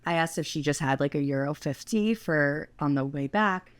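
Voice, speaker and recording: A woman's voice: deep voice, moderate pace, no echo. A young woman co-hosting a podcast, telling a travel story in a chatty way full of fillers. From United States. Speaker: podcast co-host.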